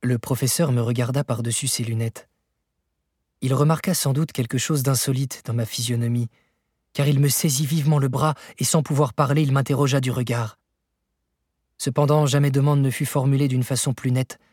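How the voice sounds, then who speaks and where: A man reading a novel aloud in a measured, even storytelling manner, with a husky voice. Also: mid-range voice, no room sound, clean studio sound. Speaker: audiobook narrator. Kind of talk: scripted literary narration.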